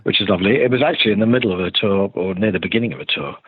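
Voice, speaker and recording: Here an older theatre director talks very fast in a lowish, husky voice during a remote podcast interview. His speech is hesitant and rambling, full of restarted sentences, and the call sounds roomy and thin, almost like a phone.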